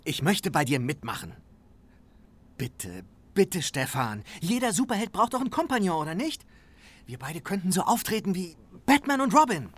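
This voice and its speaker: An actor playing an eager, wheedling former colleague who begs to become a superhero's sidekick. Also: male voice, sits high, big pitch swings, normal speed, fairly bright tone, heavily acted. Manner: whiny, wheedling. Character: pushy eager ex-colleague man, wannabe sidekick. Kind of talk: radio drama acting.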